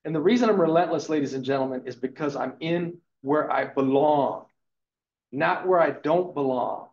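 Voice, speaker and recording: A man's voice: on the high side, moderate pace, a little mellow. A man in his fifties giving an emphatic, motivational real estate lecture to a live class, punctuating points with "okay". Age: 50s. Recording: echoey room, dull lo-fi sound.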